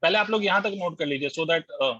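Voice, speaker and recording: Walking students through physics steps in an online class, this man quizzes them along the way and slips English terms into his Hindi. His fairly high, pushed, bright voice moves a little fast, with no echo, though the recording sounds dull and lo-fi.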